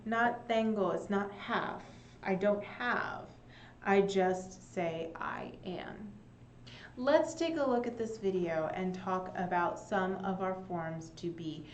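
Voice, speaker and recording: A woman English teacher giving a slow, patient live lesson and explaining with examples. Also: medium pitch. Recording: echoey, dull room sound with faint noise.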